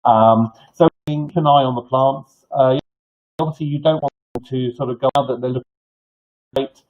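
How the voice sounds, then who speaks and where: An older man with toothless, slightly slurred articulation gives informal live advice as a clinic host, in a halting, rambling way with false starts and repetitions. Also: mid-range voice, fairly even intonation. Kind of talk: informal live advice, answering viewer questions. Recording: dull, lo-fi sound.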